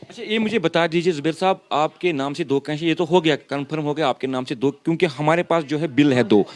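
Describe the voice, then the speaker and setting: A man's voice: fairly high pitch, quick pace. A male local news reporter, presenting a field story with frequent fillers and formal address. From Kashmir.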